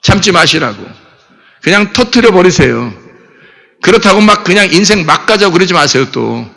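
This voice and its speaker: A male pastor preaching a Sunday sermon in a church, animated and acting out the inner voices of his listeners. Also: high voice, moderate pace, vocal fry. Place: church sanctuary. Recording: long church hall reverb.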